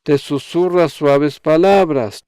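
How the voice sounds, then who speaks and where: A man preaching a sermon in a slow, measured way, repeating key phrases for emphasis. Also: a little high, warm tone, clean tone, dry recording.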